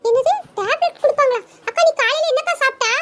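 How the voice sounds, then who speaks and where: A woman voicing a worried young girl in a cartoon, firing off anxious questions in a very high voice. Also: fast talker. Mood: questioning. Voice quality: very high, bright. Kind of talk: cartoon voice acting.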